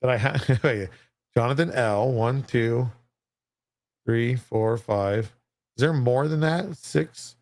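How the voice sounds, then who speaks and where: A man announces giveaways on a livestream in a casual, off-the-cuff way. His medium-pitched voice is recorded dry and close, and he comes across as chatty and self-deprecating. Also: slow pace, long pauses, a little mellow, dry recording.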